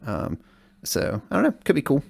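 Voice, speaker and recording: A man's voice: a little high, huge pitch swings, vocal fry, slightly rough, dry recording. A man co-hosting a casual podcast, talking with plenty of filler words. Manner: fast, uses many fillers. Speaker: podcast co-host. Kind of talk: casual podcast chat about a card game.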